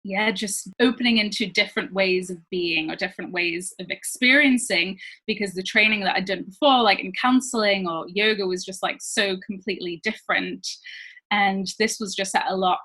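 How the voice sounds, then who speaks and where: A woman coach talks casually as a podcast guest, her voice bright and forward. She grew up in France and Switzerland with British parents, and fills her talk with "like". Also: mid-range voice, normal speed. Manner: chatty, many fillers like "like". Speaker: guest, love and relationship coach. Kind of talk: casual interview chat.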